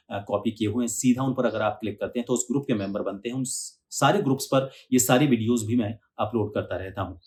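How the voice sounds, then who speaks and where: A man of middle pitch leads a pronunciation lesson. He says each difficult word slowly several times, pulling the syllables apart. His explanations are calm and instructive, with light fillers. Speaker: speech coach and channel host. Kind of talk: pronunciation lesson with slow, drawn-out example words.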